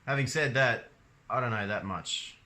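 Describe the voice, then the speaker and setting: A man's voice: mid-range voice, normal speed, sharp tone. A young Australian man talking casually about rugby league in his own vlog, rambling and hesitant with lots of ums and restarts. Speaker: sports vlogger.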